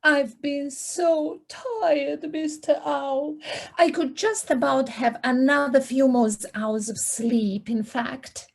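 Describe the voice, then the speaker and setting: A woman's voice: high-pitched, takes it slowly, vocal fry, full character voice. A woman playing a tired, good-natured female mole in a children's audio play, exclaiming and drawing out her words. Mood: weary. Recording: home video-call recording.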